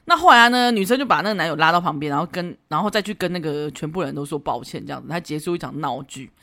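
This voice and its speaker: Taiwanese lady podcaster, laughs a lot, teasing, super lively up-and-down voice. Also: low voice, quick pace. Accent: Taiwanese Mandarin. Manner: chatty, laughs often, teasing. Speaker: podcast host. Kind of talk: casual advice chat.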